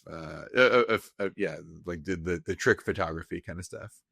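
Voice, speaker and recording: A man's voice: deep voice, moderate pace, gravelly, fairly bright tone, breathy edge, no room sound, studio quality. A young man from California, a film director, talking casually in an interview and rambling with many restarts. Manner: rambling, frequent restarts and fillers.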